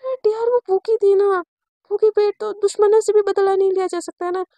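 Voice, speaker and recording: A woman's voice: very high-pitched, fairly even intonation, fairly quick, dark tone, no echo, pitched above the performer's own voice. Woman voicing a blunt, bossy student girl. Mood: muttering to herself. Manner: blunt, threatening.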